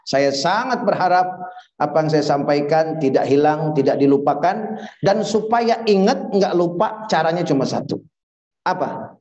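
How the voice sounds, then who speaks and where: A man giving a religious lesson to a live audience. He keeps quizzing his listeners with quick questions and chants Arabic prayer phrases slowly. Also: medium pitch, mellow. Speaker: religious teacher. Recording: echoey, slightly dull hall recording.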